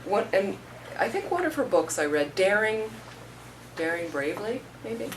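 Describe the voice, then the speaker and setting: Heard through a distant microphone with a faint trace of room noise, a middle-aged woman speaks at a moderate pace in a sing-song, medium-pitched voice. She's a Buddhist teacher giving a casual talk, chatting through stories and voicing the people in them.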